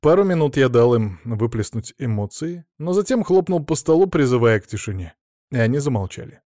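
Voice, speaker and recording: Mellow-voiced man narrating an audiobook. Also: medium pitch, big pitch swings, fairly quick, no echo, clean studio sound. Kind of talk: first-person scripted narration.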